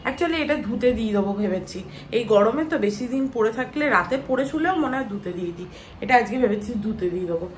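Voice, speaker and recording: A young woman vlogs her day at home and chats casually to her viewers while she works. Her voice sits a little high. There is a clear layer of noise from a busy street outside. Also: lively intonation, fast, rough recording. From West Bengal. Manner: chatty, talking to viewers while doing chores. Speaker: vlogger. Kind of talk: casual daily-life vlog narration. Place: home, indoors.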